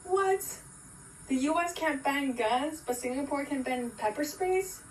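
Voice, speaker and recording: A woman from Los Angeles telling a short story to camera in a quick, animated way, acting out the quotes she retells. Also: high voice, background noise. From Los Angeles, United States. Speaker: clip storyteller. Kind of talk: casual short-video storytelling. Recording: roomy phone video from a distance, faint ambience.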